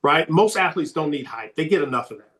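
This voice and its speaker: On a podcast, a man answers as a sports recruiting coach, emphatically repeating his key points in a slightly hoarse voice. His delivery is a little high, expressive, brisk, and somewhat bright.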